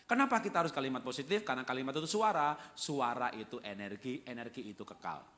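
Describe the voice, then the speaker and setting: A man's voice: mid-range voice, expressive, quick pace, sharp tone. A male pastor preaching a sermon in a church, speaking in a folksy way and asking his listeners questions.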